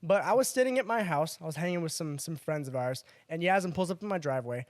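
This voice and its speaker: A young man, co-hosting a podcast and telling a story in an animated, swearing way. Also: a little high, fast, no echo. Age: young adult. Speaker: podcast co-host. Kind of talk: casual storytelling chat.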